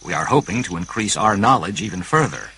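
A man's voice: sits low, lively intonation, a little fast, vocal fry, bright, forceful tone, a little hiss or hum, pitched below the performer's own voice, exaggerated voice, rough recording. A man voicing a puzzled male chief astronomer in a storybook read-along, earnest and explanatory.

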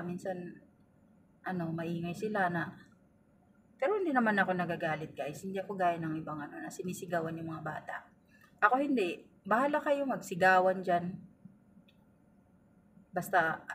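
A woman's voice: on the low side, fairly bright tone. A middle-aged woman telling stories in a casual vlog from inside a car. She chats to her viewers as "guys" and acts out the dialogue. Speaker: vlogger and family driver. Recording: distant mic with faint ambient noise.

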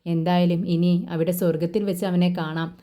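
A woman's voice: on the low side, little pitch movement, a little fast, dark tone, natural voice. A woman voicing an older man who teases a crying servant girl and then speaks sadly of his lost son. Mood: sorrowful. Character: older man, grieving husband, teasing.

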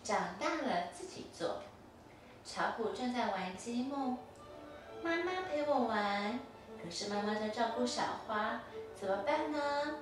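A woman's voice: fairly high pitch, unhurried, over music. Patient mother coaching a toddler, echoey room. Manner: patient, repetitive, gently instructive. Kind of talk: coaching a toddler through play. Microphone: distant camera mic. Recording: echoey, distant, noisy home recording.

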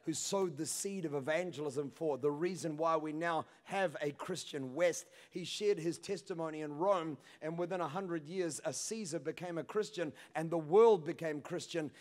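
A man in his thirties preaching a sermon on a large church stage into a handheld mic, swinging between hushed passages and shouted peaks. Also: on the high side. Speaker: pastor. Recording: long hall reverb.

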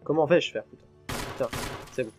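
Quick-paced and chatty, a male gaming host narrates a horror game for his viewers, letting curses fly each time he gets startled. His pitch is middle-of-the-road, with gentle game music running beneath his let's play commentary.

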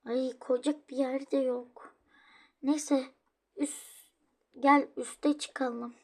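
A woman's voice: sits high, level tone, very slow, a little mellow, heavily acted. A woman voicing a tired, fussy mother who complains and scolds her daughter. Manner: complaining, exasperated.

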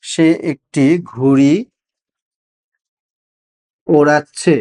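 A man with a Bengali accent giving a beginner English grammar lesson, asking rhetorical questions and slowing down to spell out examples. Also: fairly high pitch, flat delivery, dark tone. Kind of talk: classroom-style grammar lesson.

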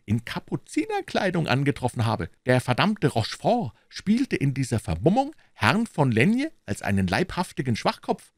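A man's voice: mid-range voice, wildly swooping pitch, normal speed, no echo, clean studio sound, pitched above the performer's own voice. A man doing an eager gossiping musketeer. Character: gossiping adult male musketeer.

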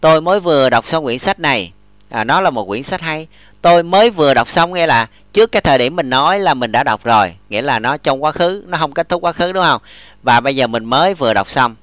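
A man, teaching English grammar in a classroom lesson, explaining slowly and often checking that students follow. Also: a little high, lively intonation, fairly bright tone, dry recording. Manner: models English example sentences slowly.

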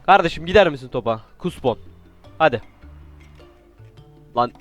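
A man giving casual, joking commentary while playing a game, with sudden excited outbursts and playful trash talk. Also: a little high, moderate pace, soft background music. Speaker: gaming YouTuber.

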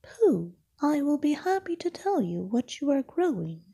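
Woman doing Owl, a high hooting wise old bird. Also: sing-song, a little slow, gravelly, full character voice. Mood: hooting, instructive. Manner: high hooting, then soft explaining.

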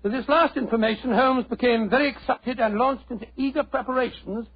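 Doctor Watson, high husky British voice. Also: male voice, brisk, exaggerated voice. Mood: earnest recounting. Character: grumbling, earnest English doctor, loyal sidekick narrator. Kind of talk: 1940s radio acting. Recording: muffled old radio recording.

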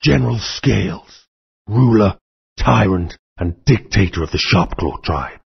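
General Scales, gravelly reptile tyrant. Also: male voice, on the low side, expressive, a little slow, full character voice. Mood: mocking. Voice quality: gravelly, husky. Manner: menacing, mocking. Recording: muffled lo-fi game audio.

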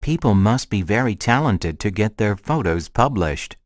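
Lively, friendly acted man in lesson dialogue. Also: lowish voice, moderate pace, dry recording, studio quality, lightly acted. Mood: friendly, measured. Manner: careful, clearly separated short sentences. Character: friendly man chatting about a shared hobby. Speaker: language lesson dialogue speaker.

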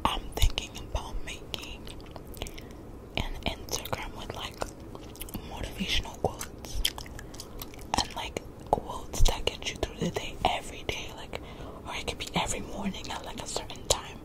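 A woman's voice: moderate pace, low-quality recording. Whispering young woman, chilled-out ASMR. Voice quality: breathy whisper. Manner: laid-back, rambling, repeats phrases softly. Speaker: ASMR creator. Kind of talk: whispered ASMR casual chat. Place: small bedroom, lying in bed. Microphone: desk condenser microphone very close to the mouth.

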